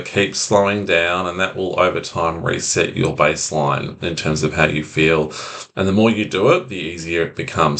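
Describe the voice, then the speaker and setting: Deep-voiced man coaching calm slowly. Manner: slow, soothing, repetitive phrasing. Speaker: anxiety recovery coach. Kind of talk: calm instructional monologue.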